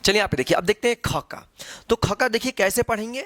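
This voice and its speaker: A man teaching as an online tutor, explaining step by step and asking rhetorical questions before each answer, with drawn-out syllables. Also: sits high, a bit bright, no room sound. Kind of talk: slow, patient classroom instruction.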